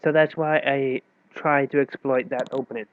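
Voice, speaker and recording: Sounding congested and nasal from a cold, a man with a mid-range, flat voice walks through chess moves at a moderate pace, correcting himself as he goes. The casual tutorial is recorded tinny and dry, like a phone, with no echo.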